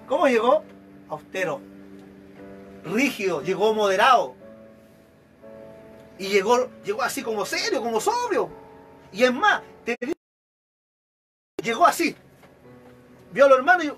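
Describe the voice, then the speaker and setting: A man with a Chilean accent preaching an evangelical sermon, acting out examples of churchgoers as he goes. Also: very high voice. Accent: Chilean Spanish. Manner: animated, acts out examples of church members.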